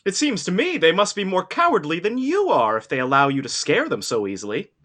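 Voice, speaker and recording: Scarecrow, female actor: simple, friendly, curious, wildly animated and bright, for a children's fantasy read. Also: fairly low pitch, fairly quick, full character voice. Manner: earnest, inquisitive. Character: friendly, simple-minded straw-stuffed scarecrow. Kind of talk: live table read of a children's fantasy story.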